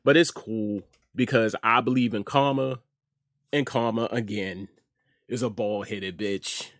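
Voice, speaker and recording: A middle-aged American man hosting an online news commentary show speaks in a fairly low, steady voice that's a bit bright and a little slow. He makes his informal opinion points emphatically, repeating phrases for effect. The studio-quality audio has no echo.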